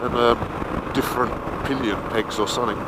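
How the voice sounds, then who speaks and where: A man's voice: medium pitch, steady tone. A man giving casual, colloquial review commentary from inside a helmet while riding a motorbike. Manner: colloquial, unhurried thinking aloud. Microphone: mic inside or on the helmet. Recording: muffled helmet mic, clear wind and engine noise.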